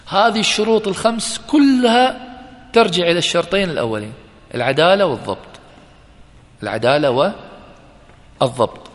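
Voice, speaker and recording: A male teacher giving a classroom lecture, repeating key terms slowly and putting questions to his students. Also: a little high. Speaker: teacher of hadith sciences. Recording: long reverb in a hall.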